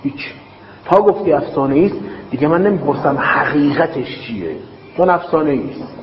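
A man teaching a logic class, dictating terms slowly and then explaining them with quick everyday examples. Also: fairly high pitch, animated. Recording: echoey, dull hall recording with faint hiss.

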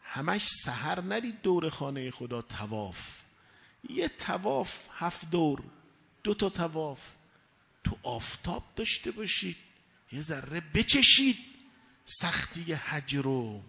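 A man's voice: a little high, very animated, gravelly. Emphatic male preacher in echoey hall. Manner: emphatic, slow measured delivery with sudden loud rises. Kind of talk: sermon.

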